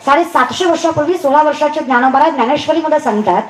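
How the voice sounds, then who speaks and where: A woman's voice: sits high, fast. A young woman, giving a comic devotional sermon and teasingly quizzing the crowd from a live stage. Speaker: kirtan performer. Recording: echoey live event, clear noise.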